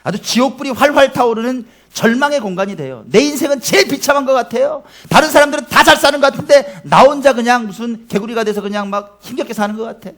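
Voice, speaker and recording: A man's voice: very high voice, fast talker, few pauses. A male pastor preaching a sermon, exhorting the congregation with emphatic rhetorical questions.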